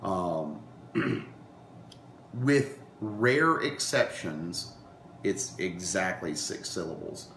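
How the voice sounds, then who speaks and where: A man with a lingering cold teaching a beginners' class, explaining in an unhurried way with many ums and restarts. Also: sits low, lively intonation, a bit bright, slight background noise. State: recovering from a cold, coughing. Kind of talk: informal lecture to a class. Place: meeting room with a class. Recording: roomy class recording.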